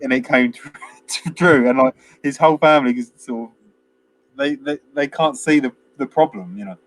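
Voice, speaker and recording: A man's voice: mid-range voice, normal speed. Rambling man chatting about a film. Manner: rambling, many fillers and restarts, acts out quotes. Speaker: film review co-host. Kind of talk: casual chat.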